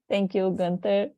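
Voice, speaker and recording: A woman's voice: mid-range voice, mellow, no room sound, highs cut off. A woman from Brazil introducing herself on a webinar video call, friendly and giggly. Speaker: committee member introducing herself.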